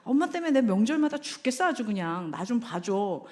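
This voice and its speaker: A woman's voice: on the high side, big pitch swings, a little fast, warm tone, voice pushed up. A woman voicing a young married husband in a lecture, quoting him in a plain conversational way. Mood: apologetic. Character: young married Korean husband, frank with wife.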